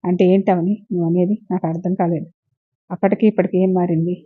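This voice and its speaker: A woman's voice: on the low side, fairly even intonation, fast talker, slightly rough. Woman reading as a pushy lovesick young man. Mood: pleading. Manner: pleading, insistent. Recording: dull lo-fi recording.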